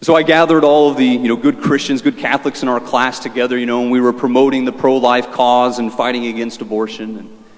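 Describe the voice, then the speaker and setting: Priest with a long cathedral echo. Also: male voice, medium pitch, fairly even intonation. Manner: measured liturgical reading, then earnest storytelling. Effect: cathedral echo, long church reverb. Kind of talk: gospel reading and homily. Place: large church. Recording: echoey church with long reverb.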